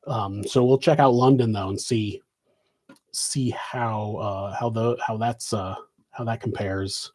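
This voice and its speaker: Speaking slowly in a lowish, steady, somewhat dark voice, a podcast host with a West Coast American accent answers questions during a live Q&A. His replies are casual and rambling, packed with fillers and restarts.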